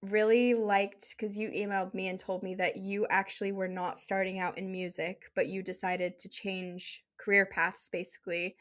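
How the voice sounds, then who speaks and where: An upbeat woman hosts a podcast and asks her guest open questions. Her pitch sits in the middle, and her manner is friendly and casual. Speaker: podcast host. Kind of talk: casual interview.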